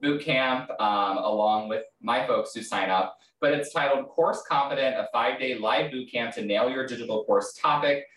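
A man's voice: medium pitch, a bit bright. A man hosting a podcast interview, chatting casually with lots of fillers and restarts. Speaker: podcast host. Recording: roomy sound, distant from mic.

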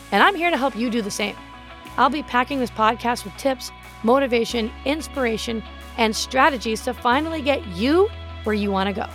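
A middle-aged woman with a brassy voice hosting a podcast in a loud, bold, emphatic and enthusiastic way. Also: high voice. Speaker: podcast host.

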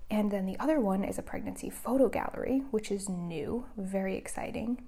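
A woman hosting a casual solo podcast, talking softly in a hushed near-whisper at home so that someone in the next room is not disturbed. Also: mid-range voice, brisk, husky. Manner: soft, hushed near-whisper to keep quiet. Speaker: podcast host.

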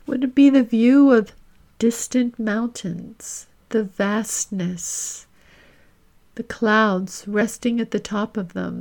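Guiding listeners through a reflection like a podcast host, a woman with a mid-range voice speaks gently and deliberately, allowing long reflective pauses.

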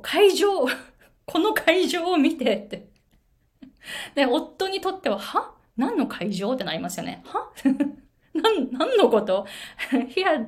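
A middle-aged woman from Japan, coaching English pronunciation in a casual video lesson and telling stories animatedly. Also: fairly high pitch. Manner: animated storyteller, switches between Japanese and English.

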